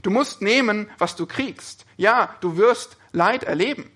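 Bright-voiced man preaching a sermon. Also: high voice, measured pace. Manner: earnest, rhetorical questions to listeners.

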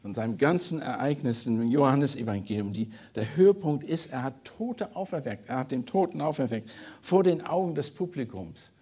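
A man's voice: medium pitch, lively intonation, normal speed, darkish tone, husky. A man reading a Bible passage aloud and then preaching on it earnestly, with small slips and restarts. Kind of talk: scripture reading and sermon.

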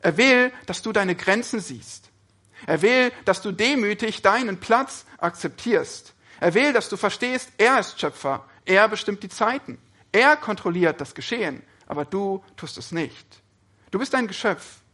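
Male preacher with a high, bright voice; earnest sermon delivery full of rhetorical questions. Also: animated, a little slow.

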